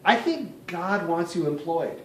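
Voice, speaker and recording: A man's voice: sits high, lively intonation, unhurried, recorded from a distance. A man co-hosting a podcast in casual chat, talkative, often stumbling and repeating words. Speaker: podcast co-host. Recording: roomy, a bit off-mic, faint noise.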